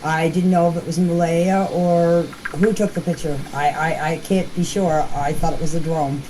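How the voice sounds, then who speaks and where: An older woman with a low, dark voice speaks at normal speed in a steady tone, recounting events informally in her own words. Her telling is hesitant and repetitive, captured in noisy, amateur phone voice messages.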